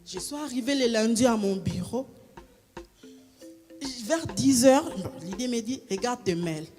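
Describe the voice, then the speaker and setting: A woman's voice: on the high side, expressive, fairly quick, music in the background. A woman, giving a spoken testimony with hesitant restarts and a raised voice when she acts out dialogue. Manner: hesitant, repeats words and restarts often. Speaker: church member giving a testimony.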